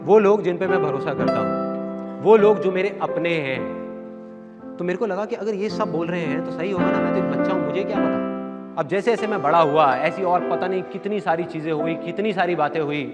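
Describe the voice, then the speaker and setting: Brief: male seminar speaker, lively storyteller, echoey auditorium with background music. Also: high voice, normal speed. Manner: animated, acts out family members' voices. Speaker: motivational speaker. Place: large hall with a live audience.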